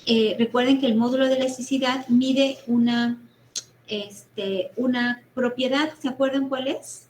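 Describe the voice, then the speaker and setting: A woman's voice: a little high, steady tone, unhurried, darkish tone, slight background noise, poor audio. A woman giving an online engineering lecture over a video call, explaining step by step and checking in with frequent tag questions and fillers. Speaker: university lecturer.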